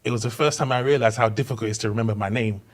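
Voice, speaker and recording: Over a noisy crowd, a young East London man from Hackney fires off anecdotes at medium pitch and rapid speed. A comedian guest in a laid-back podcast conversation, he animatedly acts out quoted voices and laughs through his punchlines.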